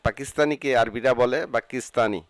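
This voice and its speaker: Male language tutor, mid pitch, slow drilled phrases, dry close recording. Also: clear, resonant tone, no echo. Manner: says each Arabic phrase slowly, then gives its meaning. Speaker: Arabic language teacher.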